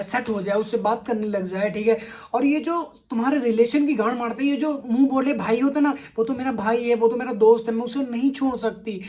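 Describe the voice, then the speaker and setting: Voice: mid-range voice, darkish tone. A relationship advice vlogger talking straight to viewers in a blunt, casual way, with crude slang and a habit of asking "ठीक है?" after each point.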